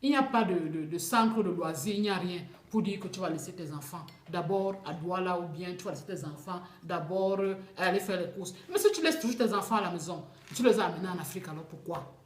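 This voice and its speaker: A woman with a Cameroonian French accent, telling her own experiences in a lively, unscripted way. She often stumbles and repeats words as she talks. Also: lowish voice, fairly quick, echoey room. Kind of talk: casual spoken testimony.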